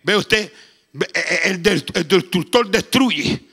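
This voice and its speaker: High, bright-voiced Chilean pastor preaching. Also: male voice, lively intonation, takes it slowly, creaky, breathy edge. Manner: fervent preaching, rising to shouts when reading scripture; peppers speech with "amén". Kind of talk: sermon.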